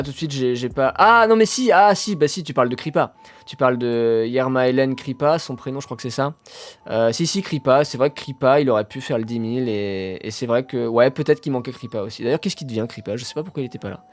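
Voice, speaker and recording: A man with a mid-range voice hosts a casual live stream about athletics, chatting with his viewers. His talk is full of fillers and sudden excited bursts.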